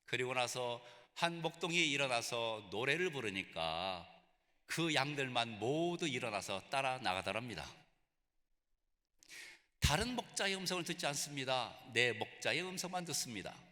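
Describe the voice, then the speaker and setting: A man's voice: mid-range voice, expressive, moderate pace, pushed and bright. A man preaching a sermon at a graduation ceremony, telling stories earnestly. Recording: reverberant hall.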